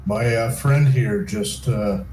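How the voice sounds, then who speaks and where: Guy playing dnd, lowish voice, kinda halting, echoey room w hiss. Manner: halting, role-plays in character. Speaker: player. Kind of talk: casual tabletop role-play. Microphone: camera mic off in the distance.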